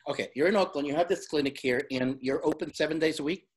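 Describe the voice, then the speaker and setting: A woman's voice: low-pitched, quick pace, slight background noise. A woman in her fifties hosting a vlog interview, chatty and self-deprecating, laughing often as she asks questions. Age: 50s. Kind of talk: casual interview chat.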